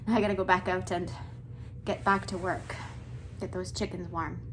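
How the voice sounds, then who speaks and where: A woman's voice: lowish voice, little pitch movement, normal speed, a little hiss or hum. Chatty woman homesteader filming herself outdoors. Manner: chatty, talks while doing chores, laughs and sighs. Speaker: homesteader vlogger. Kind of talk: casual talk to camera. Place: outdoors and in a chicken coop on a farm in extreme cold.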